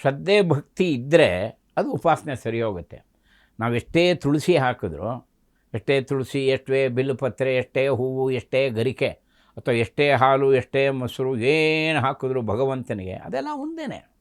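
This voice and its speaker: Animated man telling devotional stories. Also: medium pitch, unhurried. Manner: animated, acting out the story's voices. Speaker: religious scholar guest. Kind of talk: devotional storytelling discourse.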